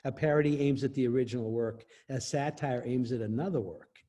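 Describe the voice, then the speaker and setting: A man with a dark, husky voice speaks as an interview guest. He explains things emphatically, with frequent laughs. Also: mid-range voice, brisk. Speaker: interview guest, copyright expert. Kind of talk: explanatory casual talk.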